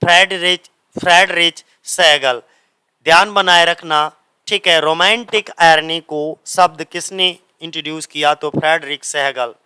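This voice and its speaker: A man teaching English literature for exams, asking his students the same question again and again and reading English passages out slowly. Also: on the high side, bright, forceful tone, clean tone, no echo, low-quality recording. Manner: repeats key answers as quiz questions to students; mixes Hindi and English, reads English passages slowly. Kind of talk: exam-prep lecture.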